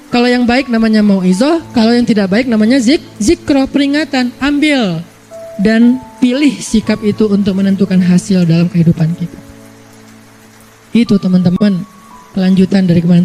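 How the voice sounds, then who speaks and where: A man's voice: high-pitched, warm tone. A male Indonesian preacher giving a casual, playful religious talk, acting out everyday examples.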